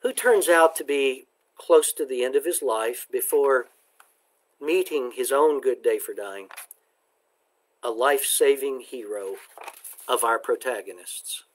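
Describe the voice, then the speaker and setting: Slow, measured male book presenter. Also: mid-range voice. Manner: slow, deliberate, measured delivery. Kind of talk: book talk with read-aloud passages.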